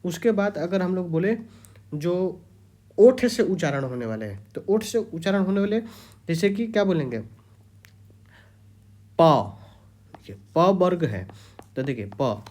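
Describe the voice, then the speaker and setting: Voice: mid-range voice, darkish tone. A teacher giving an exam-prep grammar lecture, repeating key terms and quizzing the students.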